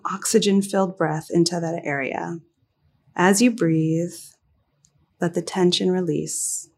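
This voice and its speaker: A woman leads a guided meditation, her voice sitting in an ordinary middle range. She speaks very slowly and softly, letting long pauses fall between short phrases. The delivery is calm and soothing throughout. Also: medium pitch.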